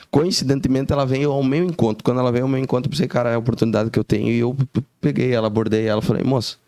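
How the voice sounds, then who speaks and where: A man, hosting a podcast, telling an emotional story in casual talk with halting restarts and fillers. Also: medium pitch, fairly even intonation, dark tone, dry recording.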